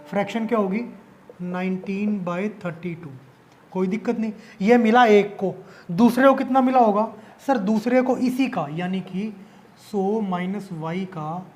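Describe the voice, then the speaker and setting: High-voiced man teaching exam math. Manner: asks rhetorical questions and answers them himself; casual, conversational explaining. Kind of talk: exam-prep math lesson.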